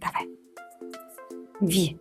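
A woman's voice: drawn-out words, soft background music. A woman tutor teaching a child to read, patiently coaxing and drawing out each sound. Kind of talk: live reading lesson with a child.

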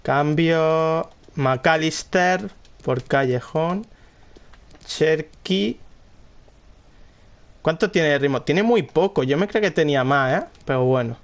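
Excitable young Spanish gamer, high voice. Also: male voice, slow pace, pauses often. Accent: Spanish (Spain). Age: young adult. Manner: excitable, shouting at the game, repeats words. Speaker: gaming streamer. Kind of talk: casual live gameplay commentary.

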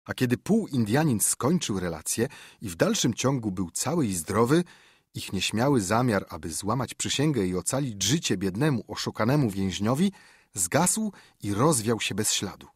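Husky-voiced male audiobook narrator. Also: fairly low pitch, dry recording, clean studio sound. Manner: measured, expressive storytelling. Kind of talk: scripted literary narration.

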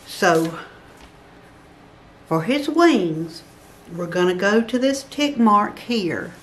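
An older woman with a medium-pitched, expressive voice speaks extremely slowly while teaching drawing step by step. Working at an indoor table, this craft instructor patiently counts grid squares aloud.

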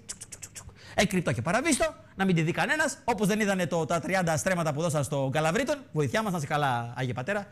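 A man hosting a TV show, giving mocking, theatrical satirical commentary on politics. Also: on the high side. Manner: mocking, theatrical, mimics bells and voices. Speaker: TV show host.

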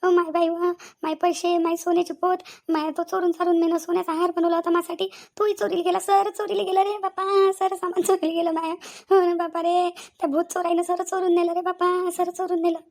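Woman as a fussy, whiny cartoon village aunt, high and rapid. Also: steady tone, lightly acted. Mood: wailing. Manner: fast, wailing, whiny complaining. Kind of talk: cartoon comedy voice acting.

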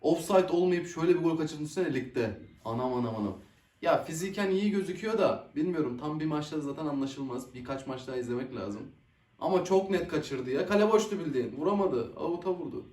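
Excitable young man reacting to football. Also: a little high, a little fast, recorded from a distance. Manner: excitable, swears and groans at missed chances. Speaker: football reaction video host. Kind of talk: casual live match reaction. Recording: echoey room, voice a bit off-mic.

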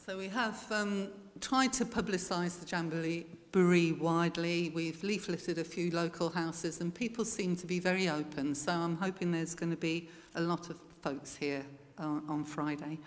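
A woman's voice: on the low side, steady tone, normal speed, hardly any pauses. A woman giving informal church notices in a chatty way, with many fillers. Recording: reverberant church hall.

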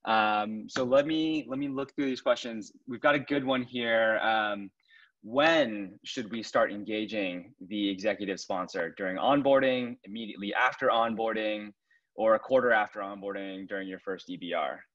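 Man, 30s, panel moderator; upbeat, lowish voice, dull webcam audio. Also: moderate pace, fairly bright tone. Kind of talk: moderating audience questions.

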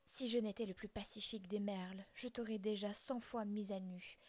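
A woman's voice: medium pitch, moderate pace, dry recording, close to an everyday voice. A woman voicing an outraged, proud old male blackbird father in a whispered role-play, scolding with indignation.

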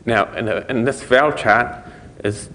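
A middle-aged man giving an informal conference lecture, explaining things in a halting way with trailing thoughts. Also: medium pitch, fairly bright tone. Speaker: conference speaker. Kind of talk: technical lecture to an audience. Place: conference lecture room, indoors. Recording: reverberant hall recording.

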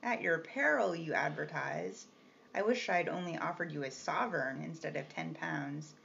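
A woman reading the part of a brusque, teasing gentleman employer with a gruff, commanding manner. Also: on the high side, normal speed, full character voice. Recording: slightly muffled with faint hiss.

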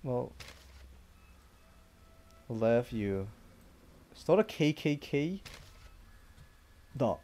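A man's voice: medium pitch, sing-song, long pauses, mellow. A young man with a Danish accent giving casual, jumpy commentary while playing a horror game, slipping English slang into his talk. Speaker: gaming YouTuber.

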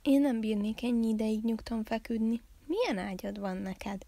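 A woman's voice: a little high, gravelly, dark tone, no room sound. A woman voicing a bossy, outspoken female rabbit in a storybook reading, scolding in an indignant way.

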